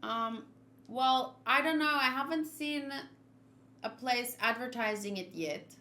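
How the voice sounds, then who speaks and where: Taking it slowly, this game streamer speaks in a fairly high, sharp-toned voice. She chats casually and thinks aloud, shifting between her viewers and the game, as video game music plays behind her.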